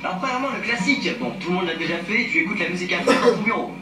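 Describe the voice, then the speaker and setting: A man's voice: high voice, expressive, rapid-fire. A young man giving playful, ironic vlog commentary. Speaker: youtuber. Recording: far-off, very echoey, loud music behind.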